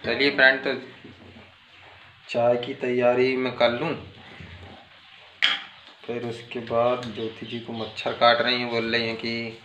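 A man's voice: mid-range voice, monotone, a little slow, long pauses, dull audio, noisy background. Man, home vlogger, chatty, phone camera, echoey kitchen. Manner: chatty, addresses viewers as friends. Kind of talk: casual home vlog.

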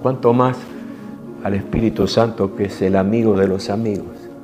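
A man with a Rioplatense Spanish accent preaching a sermon in an intimate, emotional way, moving from soft hushed passages to forceful rises. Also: lowish voice, fairly even intonation, moderate pace, music in the background. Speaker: apostle preaching.

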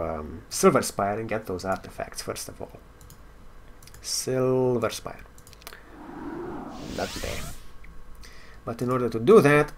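A man giving casual gameplay commentary, thinking aloud with wry asides and now and then reading story text out. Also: lowish voice. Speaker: game player and commentator.

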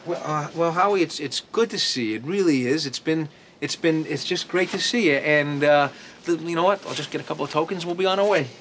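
An actor playing a nervous, guilt-ridden, self-deprecating husband in a sitcom, stammering and rambling evasively. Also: male voice, a little high, a little fast, a bit bright, close to an everyday voice. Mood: flustered. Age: 30s. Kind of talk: sitcom acting. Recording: noisy 1990s TV sitcom soundtrack.

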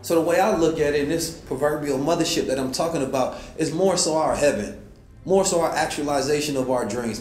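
A man's voice: medium pitch, a little mellow. A man giving a motivational talk as host, preaching and asking rhetorical questions. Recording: roomy echo with faint music.

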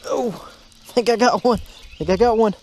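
A man's voice: sits high, moderate pace, slight background noise. A man fishing near a dock calls out eagerly as he hooks a fish. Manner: loud and eager, laughing. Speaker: angler.

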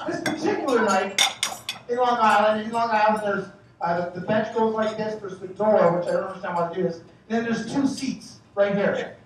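Male emcee, 40s, mid-pitched, animated joke-teller; distant mic in a very echoey banquet hall, faint dish clatter. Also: slight background noise. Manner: animated, joking anecdotes with acted-out shouting. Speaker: master of ceremonies. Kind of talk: after-dinner storytelling speech.

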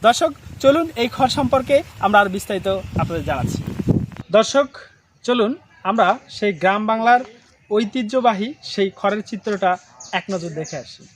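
High-voiced man narrating with halting pauses. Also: noisy background. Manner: halting, with many drawn-out "uh" fillers. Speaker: video host addressing viewers. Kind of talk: casual explainer narration.

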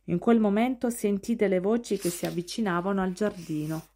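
A woman narrating a novel in the first person with expressive storytelling. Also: mid-range voice, fairly quick. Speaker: audiobook narrator.

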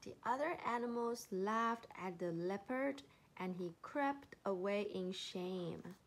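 A woman reading a children's animal story aloud, slow and expressive. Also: medium pitch, slight background noise.

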